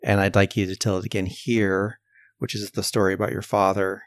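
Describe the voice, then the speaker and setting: A man's voice: low voice, level tone, a little fast, dry recording. A male host in a conversation, curious and encouraging as he invites his guest to tell a story. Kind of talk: conversational interview.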